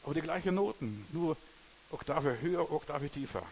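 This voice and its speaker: A man's voice: on the high side, animated, fairly quick, creaky, a little mellow, a little hiss or hum, low-quality recording. A man preaching a sermon in an earnest way, speaking straight to the listener and checking again and again that they follow. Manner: earnest, addresses listener directly with repeated "verstehst du".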